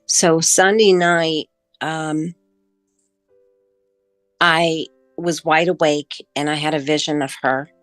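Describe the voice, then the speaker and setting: A middle-aged woman telling her own near-death story in a personal testimony, emotional and halting, with pauses and fillers. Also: sits low, steady tone, dry recording, soft background music. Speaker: near-death experience witness.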